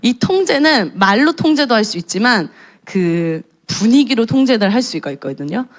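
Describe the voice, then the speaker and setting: A woman in her thirties delivers a sermon in a frank, storytelling way. Her voice sits a little high and swings freely up and down, very expressive. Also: moderate pace. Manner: candid, storytelling tone. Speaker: junior pastor. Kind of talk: conversational sermon.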